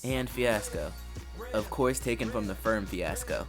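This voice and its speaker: A man's voice: lowish voice, a little slow. A young man giving a scripted, earnest album review with dry asides, hosting his own video. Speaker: music reviewer. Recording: faint music bed behind voice.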